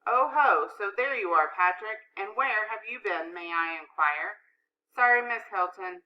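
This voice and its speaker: A woman doing a brisk no-nonsense teacher. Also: mid-range voice, lively intonation, lo-fi sound, close to an everyday voice. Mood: stern. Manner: brisk, sarcastic. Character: sharp no-nonsense female schoolteacher.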